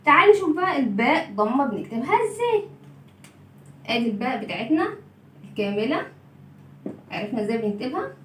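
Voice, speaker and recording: A woman with an Egyptian Arabic accent teaching young children to read, sounding out letters slowly and asking them questions. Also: high-pitched, very animated, roomy sound, recorded from a distance, a little hiss or hum. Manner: patient, drawn-out sounding of letters with call-and-response questions. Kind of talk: children's lesson.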